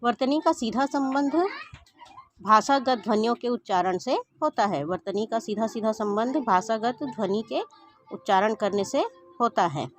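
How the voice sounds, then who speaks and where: A woman teaching a grammar lesson, who states each point and then explains it again in simpler words, and reads word pairs slowly, one after another. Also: a little high.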